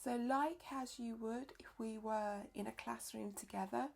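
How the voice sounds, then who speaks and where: A woman leading a live-streamed yoga nidra session as teacher and therapist, speaking softly and slowly, often dropping into a whisper. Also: fairly high pitch, steady tone, gravelly. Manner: soft, slow, often whispered delivery. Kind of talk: live-streamed guided relaxation instruction.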